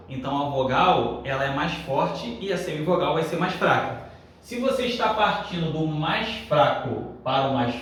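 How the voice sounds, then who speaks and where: A man teaching a grammar lesson, lively, asking the class questions and answering them. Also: a little high. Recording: echoey room, a bit far from the mic, faint noise.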